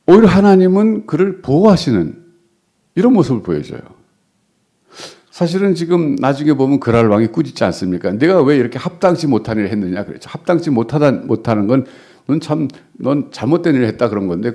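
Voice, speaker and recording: Animated, mellow-voiced male pastor preaching. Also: mid-range voice. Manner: conversational preaching, acts out quoted voices with rising emphasis. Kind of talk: sermon.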